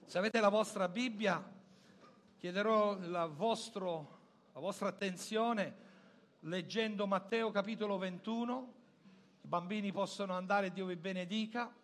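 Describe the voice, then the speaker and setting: High-voiced Italian preacher. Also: male voice, measured pace. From Italy. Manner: preaching with swings between loud exclamations and low, quiet asides. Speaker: pastor. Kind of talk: sermon.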